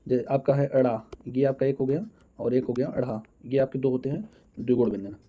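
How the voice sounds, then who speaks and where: A man's voice: medium pitch, fairly even intonation, a little fast, phone-quality sound, a little hiss or hum. A man teaching an exam-prep lesson, counting out answers aloud and calling his viewers friends.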